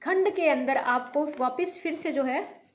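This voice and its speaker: A woman with a high voice leads a Hindi class at a slow, careful pace. She repeats each sample word and drags it out, dropping English words in as she goes. Her voice echoes around the room. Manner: slow, repetitive, drawn-out pronunciation of sample words. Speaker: Hindi teacher. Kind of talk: online language lesson.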